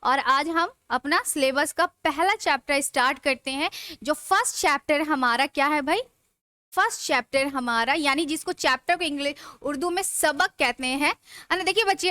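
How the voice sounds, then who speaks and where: A woman's voice: sits high, sharp tone, no echo. A young woman teaching an online grammar class, chatty and asking her students rhetorical questions as she goes. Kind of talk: live online class lecture.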